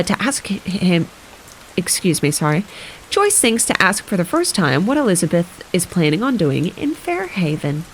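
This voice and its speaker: A woman's voice: mid-range voice, slight background noise. A woman streamer reading a novel aloud on a live stream, often slipping and correcting herself. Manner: reads with frequent slips and self-corrections; breaks off to comment casually. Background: soft rain ambience.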